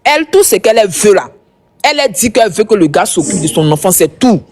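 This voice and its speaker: A woman's voice: medium pitch, very animated, brisk, darkish tone, slight background noise. A woman doing casual live commentary as a gossip streamer, chatty and repetitive, talking straight to her viewers.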